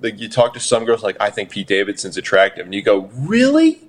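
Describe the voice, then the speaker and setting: A man co-hosting a podcast, telling stories in a casual, profane, animated way. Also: fairly low pitch, quick pace. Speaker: podcast co-host. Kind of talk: casual chat.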